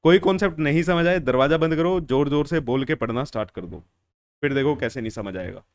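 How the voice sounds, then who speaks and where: A male chemistry teacher giving a lecture with a clear, smooth voice pitched a little above the usual for a man. He asks questions and answers them himself, repeats key phrases, and talks to the students in a familiar way. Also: fast talker. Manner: calls students "beta" and "bhaiya". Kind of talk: classroom lecture.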